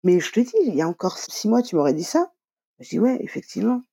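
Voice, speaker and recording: A woman's voice: mid-range voice, animated, fast, dark tone, slightly rough, no room sound. A woman telling her own story in a conversational interview, quoting dialogue, with many fillers. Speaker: guest. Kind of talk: personal testimony interview.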